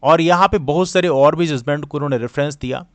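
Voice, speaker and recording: Speaking fast in a fairly high voice, a male coaching teacher and presenter lectures on current affairs. His style is didactic, moving between Hindi and English. The recording has no echo.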